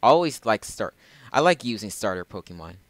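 Low-voiced rambling man gaming. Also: very animated, fairly quick, no echo. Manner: rambling, self-correcting. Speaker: gamer, channel host. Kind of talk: casual let's play commentary.

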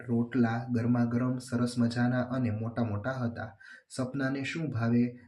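Male teacher, steady plain reader, mid pitch, dark mellow tone. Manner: steady, plain reading, slowing for rhymes. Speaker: teacher going over a workbook. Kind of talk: reading out workbook answers.

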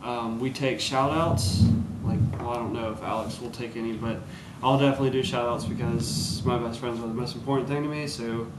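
A man's voice: medium pitch, fairly even intonation, brisk, hardly any pauses. A young man co-hosting in casual chat, rambling and giggly with many ums, on a handheld camera. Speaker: co-host. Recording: echoey room with background noise.

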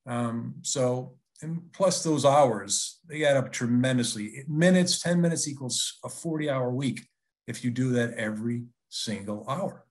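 A man's voice: medium pitch, measured pace. A man giving a business webinar presentation in a conversational, persuasive way, often restarting his sentences.

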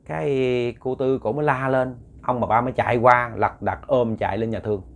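A man's voice: mid-range voice, steady tone, moderate pace. A man with a Southern Vietnamese accent, narrating a ghost story in a rambling way with many fillers and repeats, speaking to his listeners. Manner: addresses listeners directly.

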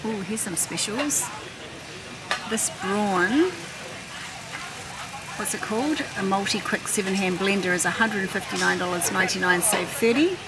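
A middle-aged woman, a shopping vlogger, chats casually at a normal speed with long pauses, thinking aloud as she browses a large indoor warehouse store. The clip was filmed on a handheld camera held by an operator behind it. Loud store ambience, rumble and a constant background hum fill the recording.

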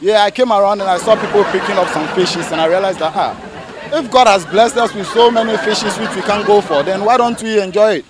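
A man's voice: high voice, fairly quick. A young man with a Ghanaian West African accent, talking casually in a street interview. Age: young adult. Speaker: interviewed local resident. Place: outdoors among low buildings. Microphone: handheld reporter's mic. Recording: noisy outdoor street recording with crowd.

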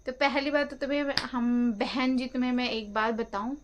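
A woman's voice: high-pitched, fairly even intonation, normal speed, dull audio. A woman vlogging at home, talking casually and directly to her viewers as friends, recorded on a phone camera on a tripod. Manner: chatty, talks straight to her viewers as friends. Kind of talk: casual home vlog chat.

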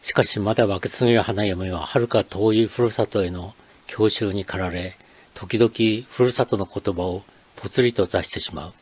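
Older man, low voice, measured scripted narration for a dialect lesson video. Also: breathy edge. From Akita, Japan. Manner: measured, explanatory reading. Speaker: channel host.

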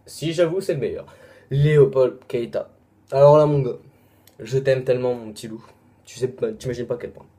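A young man with a French accent, rattling off a long list of names in a casual shout-out video, with quick asides and apologies. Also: mid-range voice. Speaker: vlogger.

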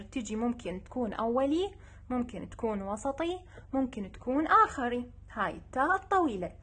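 Husky Iraqi woman teaching children. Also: fairly high pitch, a bit bright. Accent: Iraqi Arabic. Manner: patient, repeating each sound slowly. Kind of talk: children's lesson.

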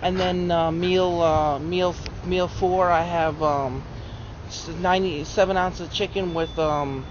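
A young man answering questions outdoors in a parking lot, halting and full of fillers and restarts. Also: sits high, steady tone. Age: young adult. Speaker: client on a diet plan. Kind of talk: casual outdoor interview. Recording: dull audio with outdoor noise.

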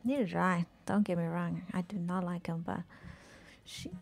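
While streaming a game, a young woman talks quietly to herself in casual commentary, often dropping to a whisper. Her voice is soft and soothing but lowish, with fairly even intonation, normal speed, and some vocal fry.

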